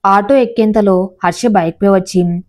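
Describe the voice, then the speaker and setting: A woman narrating a moral story in a calm, steady reading style. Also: mid-range voice, normal speed.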